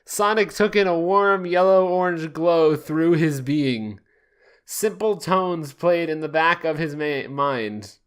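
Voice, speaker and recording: The podcast host's voice is fairly high, clear, and resonant, moving at a slow pace as he reads fan fiction aloud for laughs. He often cracks up mid-reading and stumbles over words.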